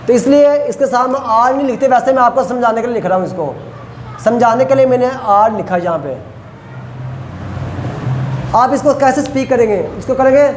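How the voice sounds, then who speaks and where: A male lecturer who teaches Chinese pronunciation, repeats syllables slowly and quizzes his students. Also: extremely high pitch. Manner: asks students questions. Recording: echoey room, faint ambient noise.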